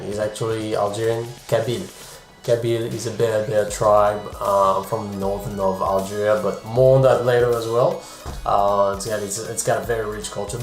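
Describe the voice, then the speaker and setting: A man's voice: on the low side, echoey room. A man from France, a travel vlogger and photographer, talking casually to the camera in a chatty way, breaking off for joking asides. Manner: chatty, self-interrupting, jokey asides.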